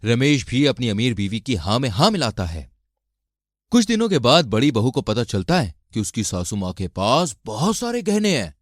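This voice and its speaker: A man narrating an animated family drama in a scripted storytelling manner. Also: medium pitch, normal speed, dry recording, clean studio sound. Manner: lively storytelling.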